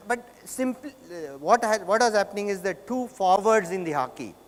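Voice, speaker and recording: A man with a South Indian accent giving a motivational business talk, conversational, telling stories and putting questions to his listeners. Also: sits high. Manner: conversational, puts rhetorical questions to listeners and checks in with them. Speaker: conference speaker. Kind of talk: motivational business presentation with storytelling. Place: large conference hall. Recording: echoey hall with long reverb.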